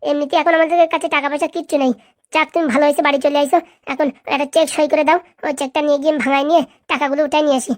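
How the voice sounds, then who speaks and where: A woman voices a bossy cartoon wife who schemes to win an election. Her commands come high and very fast, in rustic village speech, and the recording is dry. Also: flat delivery, dry recording, close to an everyday voice. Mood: scheming. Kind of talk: cartoon comedy dub.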